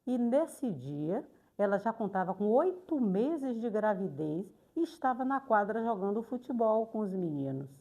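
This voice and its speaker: An older woman, a retired teacher slowly and reflectively recounting memories in a documentary interview, pausing often. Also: mid-range voice, sing-song, warm tone. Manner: slow, reflective, pauses often on "é".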